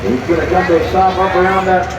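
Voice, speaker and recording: A man's voice: high voice, quick pace. A man announcing a tractor pull live, drawing out his calls of flags and names. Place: outdoor fairground truck pull track. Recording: distant echoey PA, loud engine noise. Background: loud vehicle engines.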